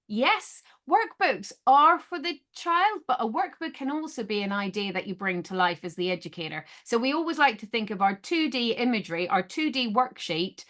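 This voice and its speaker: A middle-aged woman, an educator, explaining her maths programme in an interview, lively and acting out little dialogues as she talks. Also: medium pitch. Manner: animated storyteller, acts out dialogue, laughs often.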